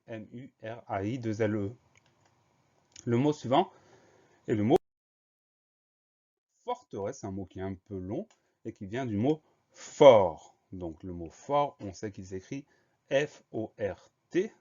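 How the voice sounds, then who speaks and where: A man teaching a spelling lesson, spelling words out slowly, letter by letter. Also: lowish voice, dark tone. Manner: slow, careful letter-by-letter spelling. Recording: dull lo-fi recording.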